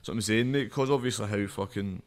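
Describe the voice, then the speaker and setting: A Scottish man with a broad accent talks very quickly in a fairly low voice. He rambles through casual, slangy chat, swearing often and peppering it with verbal tags. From Scotland. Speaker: podcast guest, social media comedy creator and wrestler.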